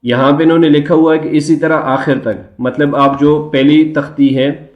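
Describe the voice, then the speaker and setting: Man, Pakistani Urdu accent, teaching children to read, slow syllable drills, quick explanations, roomy echo. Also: on the high side, fairly even intonation, phone-quality sound. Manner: spells each sound slowly, then explains in quick bursts. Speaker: Quran teacher.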